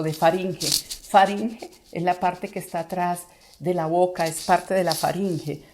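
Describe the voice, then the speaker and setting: A woman's voice: fairly low pitch, a little mellow, slight background noise. A woman voice coach explaining how the voice works in a video lesson, sometimes acting out listeners' reactions.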